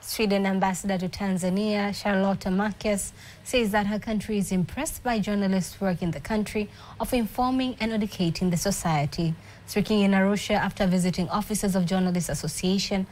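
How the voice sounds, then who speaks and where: A woman's voice: medium pitch, a little mellow, rough recording. A woman reading scripted news as an anchor.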